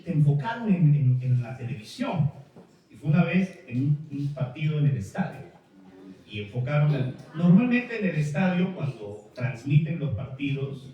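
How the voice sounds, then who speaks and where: A man's voice: fairly high pitch, a little mellow. Man, Peruvian accent, chatty sermon storytelling, heavy hall echo, distant mic. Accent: Peruvian Spanish. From Peru. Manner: chatty storytelling with laughs and asides to the congregation. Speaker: preacher. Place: large church hall.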